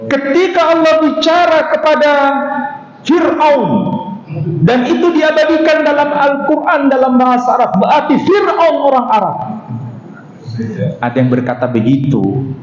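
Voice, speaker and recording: A man's voice: extremely high pitch, lively intonation, normal speed, pauses often. A man teaching a religious study class, asking rhetorical questions and answering them himself. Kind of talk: mosque study lecture. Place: mosque hall. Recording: dull echoey hall recording.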